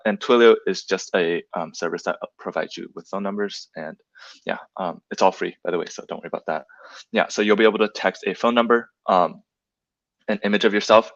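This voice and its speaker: A man's voice: on the low side, fairly bright tone, no room sound. A young man presenting a program over slides in a casual way, with many fillers and tag questions. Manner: filler-heavy, often adds "right?". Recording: dull, lo-fi dry sound.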